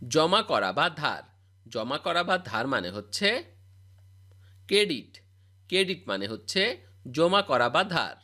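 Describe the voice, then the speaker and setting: A man's voice: fairly high pitch, sing-song, slow, pauses often, bright, forceful tone. A man reciting a scripted vocabulary drill as a spoken English teacher, repeating each word and its meaning.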